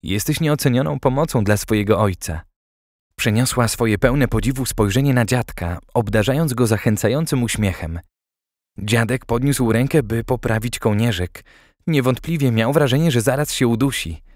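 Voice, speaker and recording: A man narrating an audiobook in a steady, even storytelling manner. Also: mid-range voice, moderate pace, no room sound, clean studio sound.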